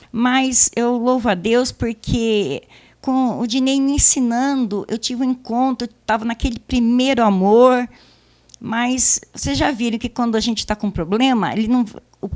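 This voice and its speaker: Middle-aged woman, higher voice, animated storyteller giving a testimony with acted-out dialogue. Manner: lively storyteller, acts out dialogue, laughs. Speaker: church member giving testimony.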